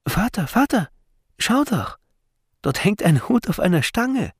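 A man voicing an eager young boy who calls out in a high, excited voice in a storybook reading. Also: measured pace, slightly rough, dry recording, studio quality, exaggerated voice.

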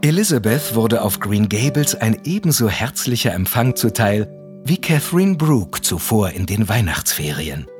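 A man narrating a radio play in a lively storytelling manner. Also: on the low side, normal speed, music in the background. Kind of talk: scripted narration.

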